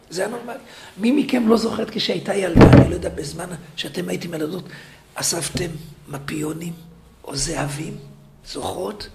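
A man, a rabbi, giving a Torah lecture to women, telling stories with animated, loud, emphatic repetition. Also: high voice, creaky. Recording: echoey room, faint noise.

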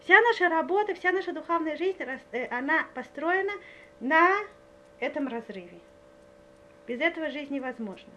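A woman's voice: sits high, lively intonation, normal speed, pushed and bright, muffled recording. A woman giving a spiritual lecture full of stories. She speaks earnestly, often checks whether her listeners follow, and hesitates with many filler sounds. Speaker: religious lecturer.

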